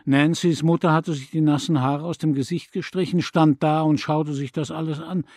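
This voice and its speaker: Calm man reading an audiobook. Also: a little high, no echo. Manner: calm, measured, reflective. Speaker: audiobook reader. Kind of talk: scripted narration. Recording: dry close studio recording.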